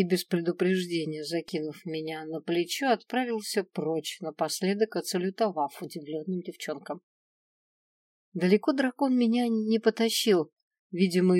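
A woman narrating a first-person fantasy romance audiobook in a steady, expressive reading. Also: fairly low pitch, dry recording, studio quality, distant mic.

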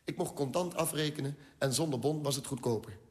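Deadpan male cabaret storyteller, roomy stage. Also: a little high, fairly quick. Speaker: cabaret comedian. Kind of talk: comic stage monologue. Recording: roomy stage recording, faint hiss.

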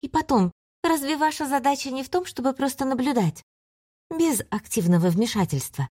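A fragile-seeming young woman, voiced by a woman reading aloud. She speaks softly and quietly in a raised, lighter voice, close and dry, with a firm resolve beneath the timidity. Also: sits high, lively intonation, moderate pace, no room sound, voice pushed up. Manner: soft-spoken, firm.

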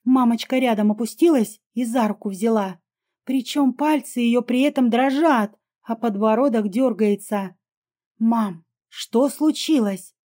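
A woman reading a first-person audiobook, telling the story in a lively, expressive way. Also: a little high, moderate pace. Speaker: audiobook narrator.

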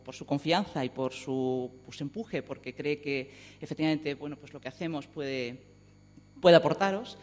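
A woman gives an earnest, measured testimony as a psychology lecturer at a round table. She moves between an academic tone and a personal one. Her voice rings with the long reverb of a large hall. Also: sits low, a little hiss or hum. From Madrid, Spain.

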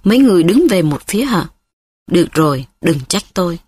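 A woman's voice: very animated, fairly quick, breathy edge, no echo. A woman reading an audiobook, voicing a furious, spiteful middle-aged wife who hurls scornful insults. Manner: shrill, scornful, shouting insults.

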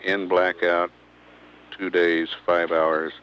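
A man giving mission status commentary, halting and pausing often between figures. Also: sits low, level tone, smooth. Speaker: public affairs mission commentator. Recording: dull lo-fi archival feed, faint noise.

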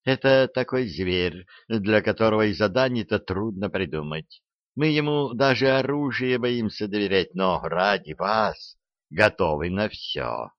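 A man plays a fawning boss who speaks slowly and smoothly in a low voice. The recording is dry and dull. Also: expressive, no echo. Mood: ingratiating. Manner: smooth, ingratiating, slow. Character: ingratiating male agency boss.

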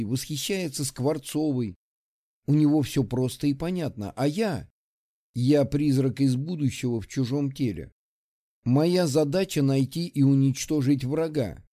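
A man narrating a first-person audiobook in a steady, measured storytelling manner. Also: mid-range voice.

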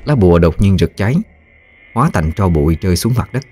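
A man narrating a ghost story in a slow, ominous storytelling manner. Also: sits low, animated, darkish tone, breathy edge, faint music behind.

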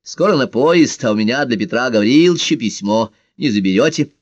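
A man's voice: mid-range voice, expressive, fairly quick, no room sound, pitched above the performer's own voice, natural voice. A man voicing a polite, slightly embarrassed middle-aged man making a phone call in an audiobook. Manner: polite, apologetic.

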